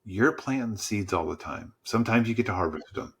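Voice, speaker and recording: A man, a church small-group pastor, telling stories as a podcast guest in a lively, encouraging preacher's manner and acting out the dialogue. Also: fairly quick, a little hiss or hum. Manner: lively storyteller who acts out dialogue with sudden pitch jumps. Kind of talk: storytelling in a podcast conversation.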